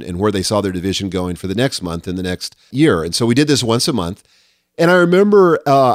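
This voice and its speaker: A man's voice: lowish voice, dry recording, studio quality. Earnest middle-aged male podcast host. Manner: earnest, emphatic, lists numbered lessons. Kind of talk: solo leadership podcast monologue.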